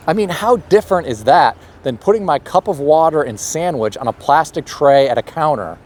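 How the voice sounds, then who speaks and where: Opinionated man, lively pitch. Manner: measured, opinionated, occasionally sarcastic. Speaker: personal finance channel host. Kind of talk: scripted commentary read aloud.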